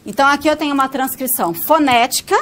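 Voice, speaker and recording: A woman's voice: high voice, quick pace, a bit bright, slight background noise. A woman with a northern Paraná Brazilian accent giving a recorded phonetics lecture, explaining step by step and often checking in with tag questions. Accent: Brazilian Portuguese, northern Paraná. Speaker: phonetics teacher.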